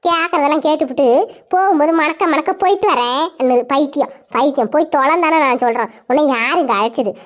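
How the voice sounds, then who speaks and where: A woman's voice: high voice, fast talker, close to an everyday voice. A woman voicing a put-upon young village housewife in a cartoon, grumbling and lamenting, on a dull lo-fi recording.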